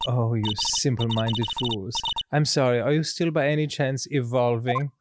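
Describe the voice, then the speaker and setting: A man's voice: mid-range voice, steady tone, normal speed, very noisy, natural voice. A man putting on a haughty prosecutor woman, mock German accent. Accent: put-on German accent. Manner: dramatic, mocking. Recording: video game music behind.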